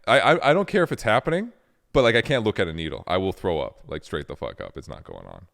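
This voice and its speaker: A man with a very deep voice hosts a casual podcast chat. His pitch rises and falls freely as he talks. He sounds laid-back and swears without a second thought. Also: very animated, quick pace, creaky, fairly bright tone. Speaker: podcast host.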